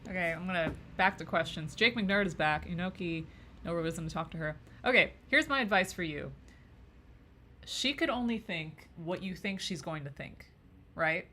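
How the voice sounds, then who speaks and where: A woman's voice: fairly low pitch, lively intonation, moderate pace, pushed and bright, a little hiss or hum. A woman in her thirties giving easygoing life advice to viewers while she animates on a live stream, reading their comments aloud. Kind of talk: casual livestream chat answering viewers.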